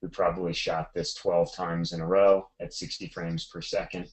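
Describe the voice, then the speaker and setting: Deep-voiced middle-aged male guest, animated storyteller, loose and chatty. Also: moderate pace, rough recording. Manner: animated storyteller, many fillers and restarts. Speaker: photographer guest. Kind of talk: casual storytelling in a webinar.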